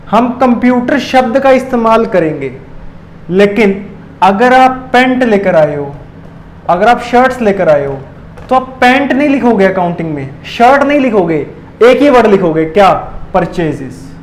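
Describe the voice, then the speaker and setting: A high-voiced man teaching accounting, who keeps asking his students a question and then answering it himself. He speaks in a steady classroom lecture style. A faint noise sits behind his voice. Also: low-quality recording. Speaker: commerce teacher.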